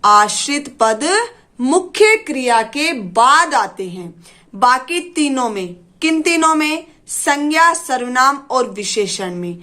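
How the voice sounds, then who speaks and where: A woman's voice: high-pitched, very animated, slow, bright, forceful tone. A woman teaching a grammar lesson to students. She asks questions, answers them herself, addresses the students fondly and keeps checking that they understood. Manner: keeps asking "clear?".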